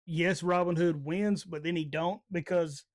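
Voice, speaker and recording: A relaxed man gives his take on a film in plain, easygoing talk with loose grammar. His voice sits slightly high for a man. The recording is dry and close-miked. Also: unhurried, dry recording. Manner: easygoing, casual grammar, agreeable. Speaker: podcast co-host. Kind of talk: casual movie review chat.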